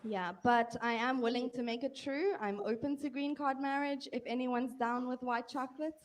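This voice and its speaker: A woman's voice: sits high, fairly even intonation, moderate pace. A South African woman performing a self-mocking stand-up set, landing punchlines. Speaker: comedian.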